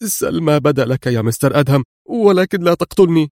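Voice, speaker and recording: A man voicing a terrified male foreign agent who pleads in a shrill, breathless way. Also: expressive, quick pace, darkish tone, no room sound, studio quality. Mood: pleading.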